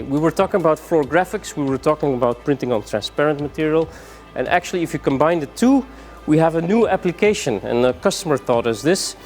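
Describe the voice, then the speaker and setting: A man giving a rushed product demonstration, moving between samples with many fillers and saying he is out of breath. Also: medium pitch, darkish tone. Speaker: product presenter.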